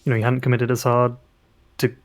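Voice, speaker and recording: A man's voice: medium pitch, monotone, a little fast. A man co-casting an esports match, laughing often and agreeing with his partner. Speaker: co-caster. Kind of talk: esports commentary.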